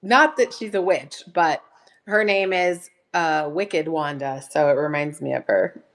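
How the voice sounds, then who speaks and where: Hosting a live sales broadcast, this woman has a low, slightly hoarse voice and talks a little slowly. She keeps things casual, calls out viewers by name, and laughs a lot.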